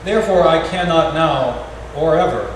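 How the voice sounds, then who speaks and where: An American man of middle age reads a poem at a farewell gathering, serving as the parish's artist in residence. His voice is a little high, and his reading is gentle, wry and measured, with pauses. He's captured from far across a large, echoey parish hall, with a steady hiss of noise beneath him.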